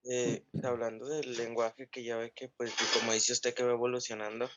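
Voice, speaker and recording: A man's voice: mid-range voice, level tone, moderate pace, noisy background. A young man with a Mexican accent, a student hesitantly making a comment in class. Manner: hesitant, searching for words. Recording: dry, dull, distant call audio.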